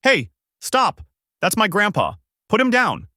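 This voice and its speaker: A man voicing a naive, cheerful strong boy in a fan-made story, speaking loudly and guilelessly in a raised voice. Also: sing-song, moderate pace, no echo, clean studio sound. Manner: raised pitch, loud and guileless.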